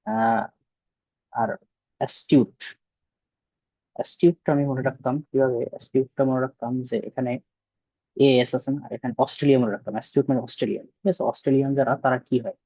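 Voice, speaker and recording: A man's voice: medium pitch, steady tone, quick pace, pauses often, mellow, no echo. Male exam tutor, quizzing style, muffled recording. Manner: explains with memory tricks and frequent rhetorical questions. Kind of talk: vocabulary lesson.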